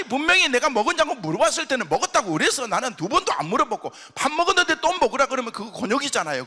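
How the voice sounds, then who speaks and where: A middle-aged male pastor preaching a sermon, telling stories and acting out the dialogue. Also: very high-pitched. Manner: storytelling, animated, acts out dialogue. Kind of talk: sermon with anecdotes. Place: large worship hall at a prayer retreat. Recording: long hall reverb.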